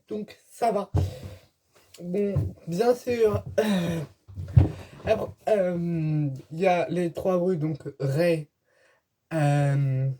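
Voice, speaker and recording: Male video reviewer, soft husky tone, casual rambling delivery, home setup. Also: sits high. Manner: rambling, chatty, hesitant. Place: indoors at home, dim light.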